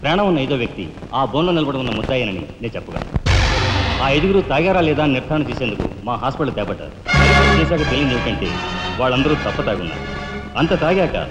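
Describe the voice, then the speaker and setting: An actor playing a calm male doctor who gives formal testimony on the witness stand. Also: medium pitch, fast, close to an everyday voice. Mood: steady. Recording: echoey courtroom with film music.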